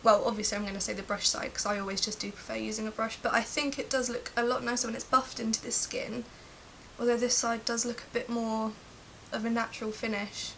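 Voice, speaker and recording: Bright-voiced chatty woman beauty vlogger. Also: a little high, flat delivery, brisk, rough recording. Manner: chatty, informal. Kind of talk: casual makeup review to camera. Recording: faint background hiss.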